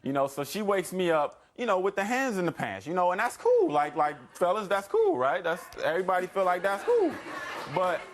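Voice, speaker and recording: A man's voice: high voice, sing-song, fairly quick. A man testifying as a litigant in a TV court, protesting in a rambling, repetitive way and acting out quotes. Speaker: husband, litigant in TV divorce court. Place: TV courtroom studio. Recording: TV courtroom with faint noise.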